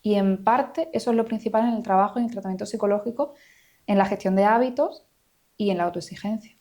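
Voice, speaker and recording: A woman speaks as a psychologist guest in a podcast interview. She talks in a reflective, explanatory way, at a medium pitch, pausing on fillers and tag questions as she works through her points. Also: darkish tone. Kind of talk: conversational interview.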